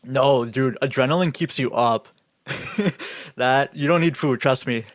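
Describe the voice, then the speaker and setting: A young man co-hosting a podcast and chatting loosely with a friend. He tells his story with many "likes" and breaks into laughs often. His voice is mid-pitched and the recording is close and dry. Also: unhurried, dry recording. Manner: animated storyteller, laughs often, says "like" a lot. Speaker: podcast co-host. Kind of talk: casual chat.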